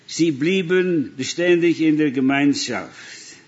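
A man's voice: on the high side, slow, lo-fi sound, a little hiss or hum. A man from the Netherlands with a Dutch accent, preaching in German and telling missionary stories with acted-out dialogue. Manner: storytelling, acts out dialogue. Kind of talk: sermon with anecdotes.

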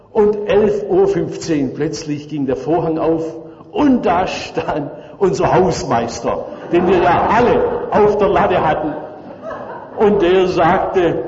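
A man preaching a sermon, telling a Bible story vividly and swinging between loud, high moments and quiet, low ones. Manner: vivid storytelling, dramatic swings in pitch and loudness. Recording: echoey church hall, dull lo-fi sound.

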